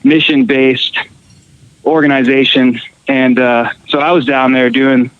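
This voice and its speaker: A man's voice: medium pitch, a little slow, clean tone, dry recording, highs cut off. A man from Costa Rica, a guest musician, telling fishing and travel stories in casual chat with fillers and restarts. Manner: relaxed storytelling with fillers and restarts.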